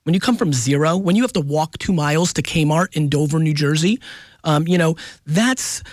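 A man in his forties appears as a guest on a casual radio interview, emphatic and animated, pushing his points along with quick "right?" tags. His voice is a touch higher than most men's, captured close on a studio mic with a very dry, dead sound and no room sound at all.

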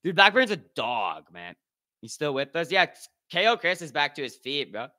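A male streamer runs a live watch party in loose, slang-heavy chatter. His voice sits a little high and rings very bright and forceful. He keeps breaking off to read and answer his chat. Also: sing-song, normal speed. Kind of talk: casual live-stream commentary.

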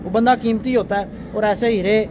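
A man's voice: high voice, steady tone, normal speed, noisy background. A man walking through his bird farm and listing costs in a plain, matter-of-fact way. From Pakistan. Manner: plain, matter-of-fact, listing costs, speaks with rising fervor when preaching. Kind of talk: casual vlog walkthrough.

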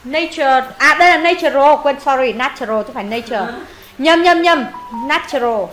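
A woman's voice: high voice, expressive, moderate pace, fairly bright tone, a little hiss or hum, low-quality recording. A woman teaching English pronunciation in Vietnamese, modelling words, repeating them for students and thinking aloud when unsure.

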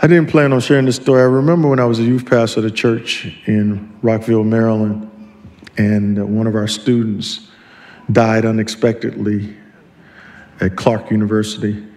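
A man's voice: on the low side, flat delivery, moderate pace, darkish tone. A man pastor preaching a sermon, leading the congregation in call-and-response and breaking into joking asides.

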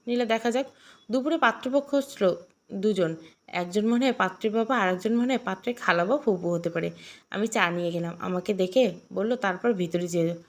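Lady narrating a bangla love story, middle pitch, changes tone for each character. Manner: reads every role herself, shifting tone for each character. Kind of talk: reading a romantic audio story aloud.

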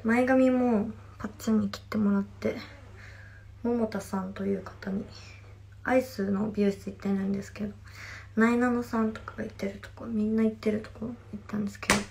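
A woman's voice: mid-range voice, steady tone, brisk, gravelly. A young woman in her twenties from Fukuoka with a Hakata dialect accent, chatting casually on a phone livestream while reading fan comments. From Fukuoka, Japan. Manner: chatty, reacts to comments, drifts into soft whispers. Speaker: idol livestreaming to fans.

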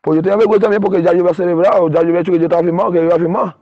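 Racing along in a high voice with a steady tone, the middle-aged Dominican man, formerly a baseball player, shares his story in a casual interview. He speaks Dominican Spanish, acts out what others said, and the sound is dull, muffled and dry.

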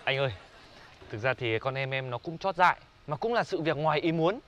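A man's voice: on the high side, animated, fairly quick, a bit bright, a little hiss or hum. A young man, acting a brash, bossy friend in a comedy sketch. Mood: fawning. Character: cocky young man, loud bully of a friend. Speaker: actor.

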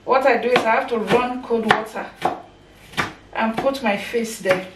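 A cooking vlogger in her thirties talks casually while chopping and cooking in her home kitchen, her fairly high voice unhurried. A camera mic across the room picks her up from a distance, so the sound is echoey with background noise.

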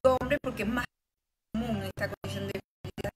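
Woman doctor from Puerto Rico, patient talk, mid-pitched, pauses and restarts, loud music behind. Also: steady tone, low-quality recording. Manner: explanatory, with frequent pauses and restarts. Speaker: rheumatologist.

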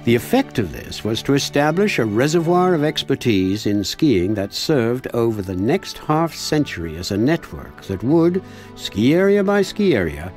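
A male documentary narrator reads a scripted history in a measured way. His pitch moves in a lively, wide range. Faint music plays underneath.

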